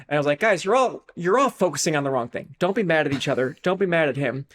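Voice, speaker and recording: Animated male podcast co-host. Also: a little high, racing. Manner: animated, puts on mock voices when quoting. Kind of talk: casual chat.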